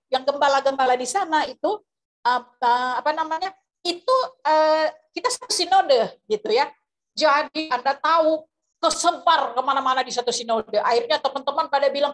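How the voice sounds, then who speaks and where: High-voiced woman with speech. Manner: rambling storytelling with many fillers and restarts. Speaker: preacher. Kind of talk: testimony sermon over video call. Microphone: video call microphone.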